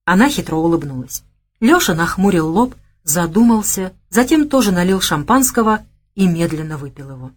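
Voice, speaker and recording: A woman narrating a crime novel audiobook in an expressive storytelling manner. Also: on the low side, normal speed. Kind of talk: scripted narration.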